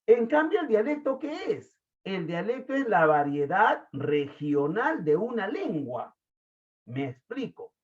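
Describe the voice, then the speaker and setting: A man from Peru with a Lima accent, teaching an online class in a chatty way, quizzing students and filling pauses. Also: high voice, sing-song. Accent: Lima Peruvian Spanish. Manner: chatty, asks the class questions, many fillers. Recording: tinny phone-like audio.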